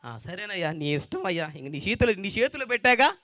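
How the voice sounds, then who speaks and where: A man voicing a grieving, humble father who pleads in a low, hushed voice. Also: big pitch swings, a little fast, dry recording, clean studio sound, heavily acted. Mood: meek.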